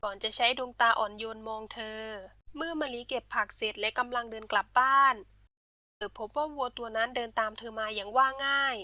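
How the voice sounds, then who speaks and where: A woman storyteller with a high, bright voice reads a bedtime tale gently and steadily. The recording is dry and close, with no room sound. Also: a little fast, no echo.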